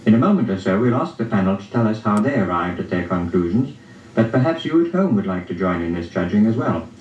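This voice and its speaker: A man formally presenting a contest as host, in a polite, measured manner. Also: fairly low pitch, animated, a little mellow. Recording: dull, roomy, distant archival audio.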